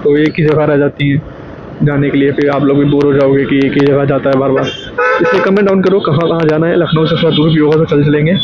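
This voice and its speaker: A man's voice: a little high, little pitch movement, a little fast. A man narrating casually as he rides a motorbike through city roads, chatty and repeating his requests to viewers. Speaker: motovlogger. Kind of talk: casual riding commentary. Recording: muffled with loud road and wind noise.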